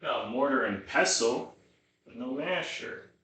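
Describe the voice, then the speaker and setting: A man's voice: mid-range voice, animated, measured pace, bright, forceful tone, slight background noise. A man talking casually to himself as he cooks at home, sweary and slangy, in an exasperated mutter. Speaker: home cook vlogger. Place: indoors in a home kitchen. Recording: echoey room, distant microphone.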